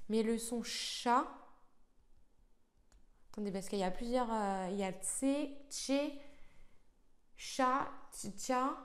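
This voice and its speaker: A woman's voice: mid-range voice, a little mellow. A young woman vlogging casually about learning letters, thinking aloud with frequent hesitations and fillers. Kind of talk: casual live learning vlog.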